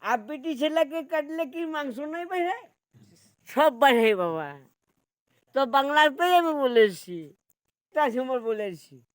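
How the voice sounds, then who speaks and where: A woman's voice: high-pitched, expressive, takes it slowly, no room sound, studio quality. A woman performing a rambling comic monologue. She drifts into half-sung lines and repeats dramatic pleas.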